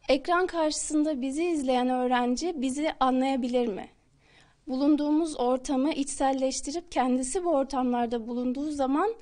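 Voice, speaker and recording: A woman's voice: high-pitched, darkish tone. A young woman gives a news interview as a language instructor, into a handheld microphone. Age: young adult.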